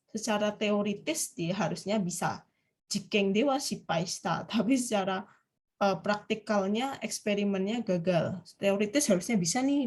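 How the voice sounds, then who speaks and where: A woman's voice: medium pitch, a little mellow. A woman with an Indonesian accent teaching a Japanese grammar class online, explaining step by step and often putting questions to her students.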